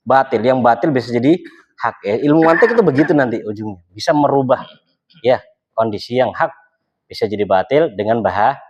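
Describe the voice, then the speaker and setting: A man's voice: mid-range voice, animated, fairly quick. A male Islamic religious teacher, explaining in a casual talk and answering his own rhetorical questions. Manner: asks rhetorical questions and answers them himself. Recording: slightly dull lo-fi sound.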